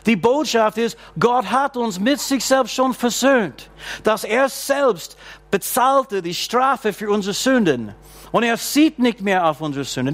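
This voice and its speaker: A man preaching a sermon as pastor at a church service. He preaches slowly and deliberately, repeats his key phrases and calls out hallelujah and amen. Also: sits high, fairly bright tone. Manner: slow, deliberate preaching with drawn-out lines.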